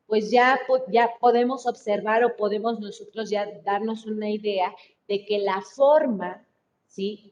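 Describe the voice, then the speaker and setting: A Mexican Spanish woman teaching biology over a video call, talking slowly and patiently at a moderate pitch. She keeps checking whether her students follow. The sound is muffled and low-fi, with a faint rumble underneath. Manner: slow, explaining step by step, frequent checking "¿sí?". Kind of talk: online class lecture.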